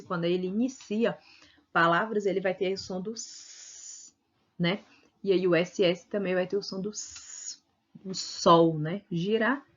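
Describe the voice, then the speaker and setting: A woman's voice: medium pitch, lo-fi sound. A Brazilian woman teacher giving a recorded video lesson, explaining patiently and often checking in with tag questions. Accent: Brazilian Portuguese.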